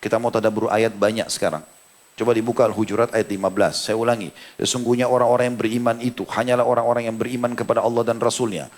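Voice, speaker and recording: Guy preaching a sermon, tells it dramatic, pitch jumps all over. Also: flat delivery, quick pace. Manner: dramatic storytelling with voiced quotes, pitch swinging high and low. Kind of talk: sermon storytelling.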